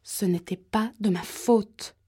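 A woman voicing an agitated male caller with a high, metallic voice who whispers threats in an audiobook. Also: normal speed, mellow, breathy edge. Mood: menacing.

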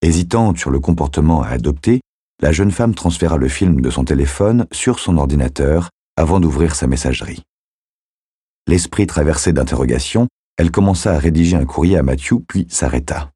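A man narrating an audiobook in a measured, steady storytelling manner on a close studio mic. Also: very deep voice, husky, no room sound. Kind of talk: scripted narration.

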